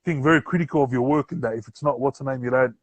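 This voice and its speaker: This interviewer has a medium-pitched voice and rapid-fire delivery, captured in a dry recording. Hosting a podcast over a remote live-stream call, he speaks with a broad New Zealand accent, leaning on affirming slang and frequently calling people "bro."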